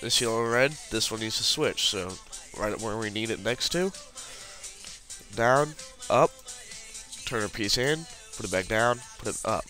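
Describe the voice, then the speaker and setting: Congested and sniffling with the flu, a man casually works through a puzzle tutorial over a screen recording, clicking as he explains the steps. His voice is fairly low and sharp in tone, and he keeps a measured pace. Faint music can be heard behind him.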